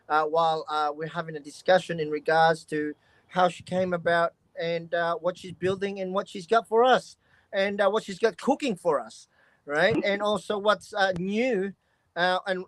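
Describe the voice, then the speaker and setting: A man's voice: high voice, fairly bright tone, dry recording. A man in his fifties hosting a casual livestream interview, talking in a loose, filler-heavy way and addressing the guest as "love". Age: 50s. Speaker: livestream host.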